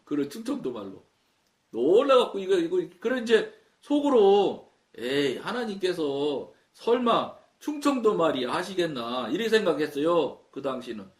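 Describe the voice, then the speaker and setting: A man's voice: on the high side, sing-song, moderate pace, few pauses. A man from Chungcheong with a Chungcheong accent, preaching a sermon, telling his story and acting out the dialogue. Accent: Chungcheong Korean. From Chungcheong, Korea. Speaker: pastor. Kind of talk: sermon talk. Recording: echoey room, mic at a distance.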